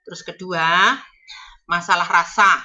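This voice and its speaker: Bright-voiced Javanese woman giving advice. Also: lowish voice, steady tone, a little slow. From Java, Indonesia. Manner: chatty, coaching, slips into Javanese phrases. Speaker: agent advising domestic workers going abroad. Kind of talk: casual advice talk.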